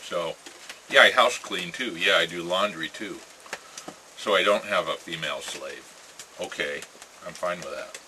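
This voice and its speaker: Very low-voiced American man, musing casually. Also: sharp tone, poor audio. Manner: musing, halting, with trailing phrases. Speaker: pipe-smoking vlogger. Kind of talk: casual rambling chat to camera. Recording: clear ambient noise with birdsong.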